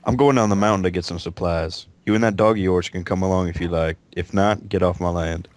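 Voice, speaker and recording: A gruff, ageless mountain hermit, as a man acts him out, with a very low voice. He rattles off blunt, curt lines at a fast clip. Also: steady tone, no echo, lightly acted. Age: older. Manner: blunt, curt country talk.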